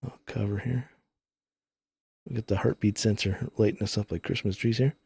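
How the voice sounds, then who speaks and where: Man streaming games, mellow, heavily compressed voice. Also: fairly low pitch, steady tone, moderate pace, creaky, husky, no echo. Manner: rambling, explains technical details while playing. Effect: audio compressor on voice. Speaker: live-streaming gamer and host. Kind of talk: casual live game stream commentary. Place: recording studio. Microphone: studio microphones through a multichannel input.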